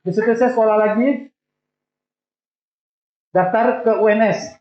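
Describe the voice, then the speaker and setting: A man in his sixties, a radio guest, telling his life story in a relaxed, joking way. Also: sits high, a little slow. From Indonesia. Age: 60s. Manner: relaxed storytelling with light self-deprecating jokes. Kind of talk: casual interview chat. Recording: echoey room, tinny phone-like sound.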